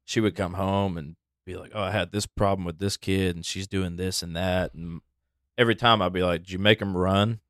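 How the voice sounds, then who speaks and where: A man's voice: low voice, fairly even intonation, normal speed, no echo, clean studio sound. A man co-hosting a casual podcast chat, reflective and earnest, often checking in with "right?".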